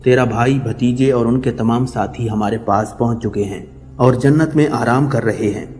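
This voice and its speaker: A man voicing the spirit of a departed father gently consoling his grieving daughter, in a reverberant recording with music behind. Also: medium pitch, natural voice. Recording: long reverb with background music.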